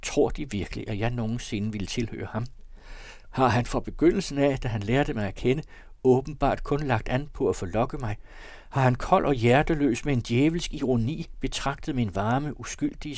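A man's voice: medium pitch, darkish tone, no room sound, studio quality, natural voice. Man voicing an impassioned wronged young woman. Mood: indignant. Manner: earnest, impassioned, formal old-fashioned diction. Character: young unwed mother, wounded and proud. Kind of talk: audiobook reading of a classic novel.

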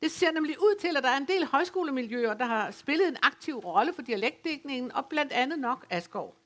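A woman from West Funen giving an academic lecture, speaking in a measured, explanatory way with occasional hesitations. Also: sits high, expressive, fairly bright tone. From West Funen, Denmark. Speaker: lecturer on dialect literature. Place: folk high school lecture venue.

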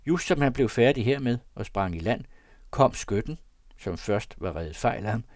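A man reads an old tale aloud at an even, steady pace. His voice sits in a middle pitch. The recording is dry and close. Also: no room sound. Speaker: narrator. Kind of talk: reading an old story aloud.

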